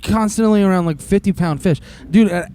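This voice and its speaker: Animated young man with a higher voice. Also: brisk, a little hiss or hum. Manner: animated, profane, acts out voices. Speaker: podcast co-host. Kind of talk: casual chat.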